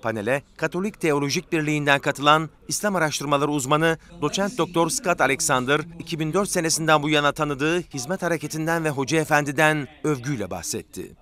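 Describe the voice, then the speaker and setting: A man's voice: fairly high pitch, quick pace, few pauses, sharp tone. A man reads scripted news narration as a reporter's voice-over.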